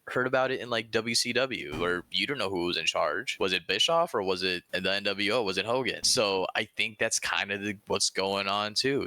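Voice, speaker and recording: Male podcast host, very deep yet forceful voice, dry sound, emphatic rambling talk. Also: dry recording. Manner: emphatic, rambling, rises in pitch when heated. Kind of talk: casual podcast chat.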